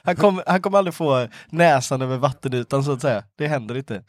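A man's voice: mid-range voice, expressive, no room sound, clean studio sound. A man co-hosting a podcast in loose, swearing casual chat, acting out voices of people he quotes. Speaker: podcast co-host.

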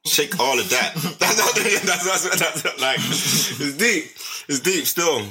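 A man's voice: a little high, expressive, slow, sharp tone, husky. A young man with a London roadman accent hosting a podcast, chatting casually in heavy street slang. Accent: London roadman, multicultural street English. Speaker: podcast host.

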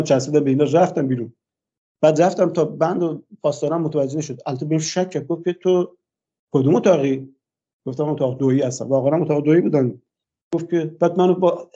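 Speaking as a radio interview guest, an elderly man recounts a lengthy personal account, stopping frequently on "uh." His voice leans slightly high but stays mellow and dark, and the audio is muffled and low-fidelity.

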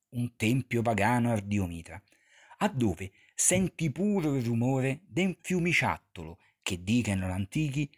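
A man from Rome with a strong Romanesco accent, telling stories conversationally as an interview guest. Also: medium pitch. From Rome, Italy. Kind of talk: conversational storytelling in dialect.

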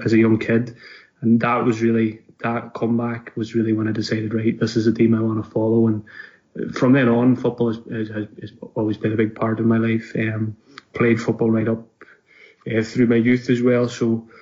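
A man's voice: medium pitch, monotone, moderate pace, a little mellow, dull audio. A man in his thirties with a Donegal Irish accent, chatting casually as a podcast guest. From Donegal, Ireland. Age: 30s. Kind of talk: casual interview chat.

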